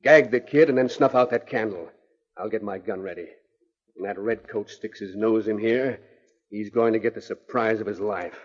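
A man playing a husky scheming outlaw. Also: fairly low pitch, normal speed, long reverb tail, natural voice. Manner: blustering, harsh. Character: desperate scheming male outlaw, hot-tempered. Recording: muffled old radio transcription.

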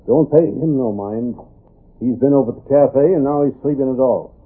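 Man acting gruff old-West sheriff, husky voice. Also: medium pitch, moderate pace, lightly acted. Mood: indignant, dismissive. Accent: American. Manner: blunt folksy Western drawl. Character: gruff, plain-spoken frontier sheriff, past his prime. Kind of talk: old-time Western radio drama acting. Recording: muffled, tinny old radio broadcast.

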